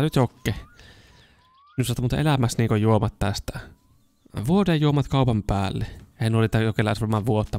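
Young man, low voice, gaming commentary, casual, chatty, excitable bursts. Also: vocal fry. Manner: chatty, talks to himself while playing, bursts into excited shouts. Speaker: gaming YouTuber. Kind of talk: casual let's-play commentary.

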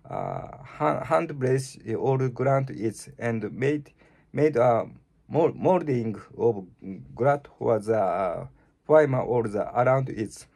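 A man with a Japanese accent, a native Japanese speaker, reading the Bible aloud in English in a halting, stumbling way, with many restarts and fillers. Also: medium pitch, gravelly, a little mellow. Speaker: channel host reading scripture.

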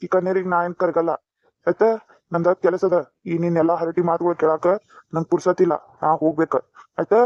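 A man's voice: on the high side, monotone, brisk, no room sound, lightly acted. A man voicing an angry, defiant drunk young husband with a North Karnataka accent in a cartoon, brusque and scornful. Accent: North Karnataka Kannada. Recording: dry, dull lo-fi sound.

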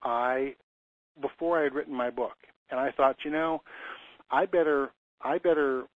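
Over tinny phone-line audio with no echo, a lease consultant in his fifties tells stories during an earnest, conversational webinar. He frequently restarts sentences and repeats words, and his mid-range voice stays steady in tone at a normal speed.

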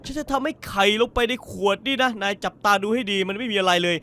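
A man doing excitable comic voice-over for funny clips, shouting and laughing. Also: high-pitched, fast talker, noisy background. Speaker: comedic voice-over narrator.

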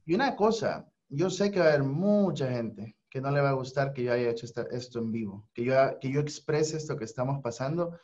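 A man's voice: mid-range voice, lively intonation, a little fast, hardly any pauses, darkish tone. A man hosting a radio talk, speaking in an earnest, preacher-like way about faith and support. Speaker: radio host. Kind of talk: casual spiritual talk. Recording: dull lo-fi audio.

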